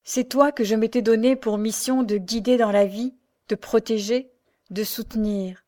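A woman's voice: fairly high pitch, fairly even intonation, normal speed, mellow, lightly acted. A woman reading the part of an anguished, devoted young woman in an audiobook, impassioned and pleading. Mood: exalted.

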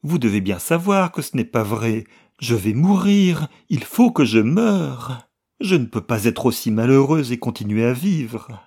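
A man's voice: mid-range voice, expressive, a little slow, a little mellow, breathy edge, voice pushed up. A man voicing a desperate young woman, a distraught wife and mother, crying out in pleading, near-hysterical lines. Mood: despairing.

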